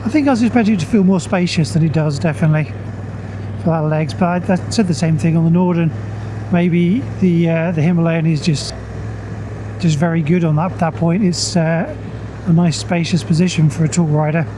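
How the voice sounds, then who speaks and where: Out on the road, a man gives casual motovlog commentary as a motorcycle reviewer while riding, over loud engine and road noise. His voice is a little high and a little fast, with fairly even intonation.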